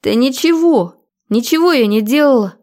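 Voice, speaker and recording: A woman narrator puts on a hysterical young woman caught in a lie. She pleads in a high, shrill, tearful voice, clinging and desperate, while the tone stays dark and mellow. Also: steady tone, normal speed, vocal fry. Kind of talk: audiobook character voice.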